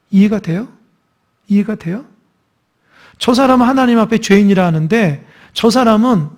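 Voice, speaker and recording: A man's voice: high-pitched, a little mellow. A male pastor preaching a midweek church sermon, earnest, asking the congregation questions.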